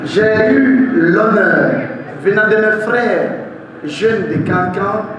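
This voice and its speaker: A young man with a Guinean accent moderates a panel, giving a public speech to a forum audience in a high voice with lively intonation. He is slow, formal and deliberate, repeating phrases for emphasis. The lo-fi sound comes from a distant mic in a large, very echoey hall at a live event, with faint noise.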